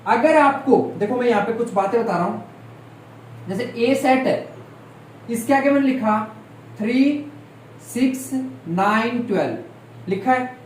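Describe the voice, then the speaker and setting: A man's voice: very high voice, a little slow, long pauses. Man teaching in an echoey classroom. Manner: keeps quizzing the class, repeating key terms. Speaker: maths teacher. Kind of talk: classroom lesson with call-and-response questions. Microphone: distant room mic. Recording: echoey room, voice from far off, faint noise.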